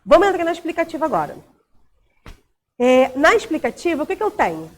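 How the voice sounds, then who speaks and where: Lively high-voiced Brazilian woman teacher. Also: fairly quick. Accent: Brazilian Portuguese. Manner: explains with tag questions and examples. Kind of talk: recorded grammar lesson.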